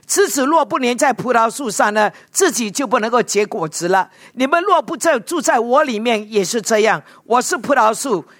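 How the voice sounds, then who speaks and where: A woman preaching a sermon in an animated way, often checking with her listeners through rhetorical questions and dropping in English words. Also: on the high side, moderate pace, hardly any pauses, no room sound, studio quality.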